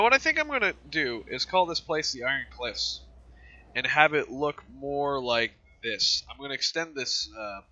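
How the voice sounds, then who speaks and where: A man giving casual game commentary, rambling and thinking aloud, with train engines rumbling behind him. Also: no room sound, dull audio. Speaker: gamer showing a train simulator. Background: loud train simulator engine noise.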